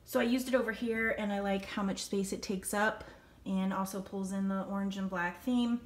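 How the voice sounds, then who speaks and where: A woman's voice: mid-range voice, steady tone, normal speed, echoey room. A woman vlogger casually showing her home decorations, chatty and upbeat, listing where she bought each item and what it cost. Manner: chatty, upbeat, lists prices and stores. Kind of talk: casual show-and-tell narration. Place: indoor room at home.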